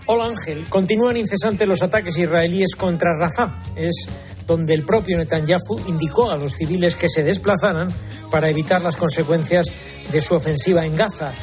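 High-pitched man reading news. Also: normal speed, a little mellow. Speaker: radio commentator previewing a debate. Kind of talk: scripted news narration. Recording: faint music behind.

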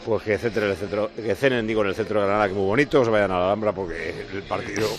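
A man's voice: lowish voice, fast talker. A man with an accent from Spain anchoring a live football radio show, bantering with reporters. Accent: Spanish from Spain.

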